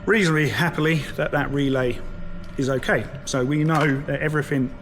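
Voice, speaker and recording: A man's voice: a little high, steady tone, fairly quick, a bit bright. A man giving an informal, step-by-step hands-on tutorial as a mechanic in a workshop. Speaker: mechanic presenter. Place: vehicle workshop. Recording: noisy workshop background.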